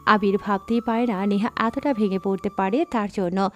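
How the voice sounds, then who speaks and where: A woman narrating a scripted audio story in a steady, dramatic reading style. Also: medium pitch, moderate pace.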